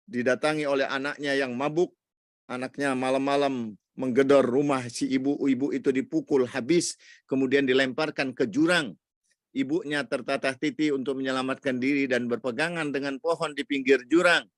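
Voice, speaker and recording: A man's voice: fairly high pitch, fairly bright tone, no echo, studio quality. A man teaching a weekly religious study session, preaching earnestly in an Indonesian accent and reciting Arabic verses. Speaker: ustadz giving a weekly study talk. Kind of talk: sermon lecture.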